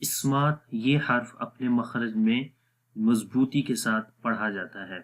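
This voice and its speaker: A young man gives a recitation lesson in an even, middle-pitched voice. He speaks very slowly and patiently. He stretches single sounds out long so a learner can copy them. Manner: drawn-out demonstrative pronunciations of letters. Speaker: Quran recitation teacher. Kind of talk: slow explanatory lesson.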